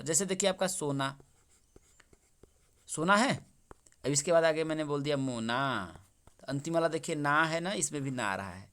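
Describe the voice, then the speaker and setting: A young man with a bright, forceful voice walks through exam answers. He keeps asking each question back, calls his listeners his friends, and then repeats the answer. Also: on the high side, clear, resonant tone. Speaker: exam-prep teacher. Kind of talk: exam paper solution lesson.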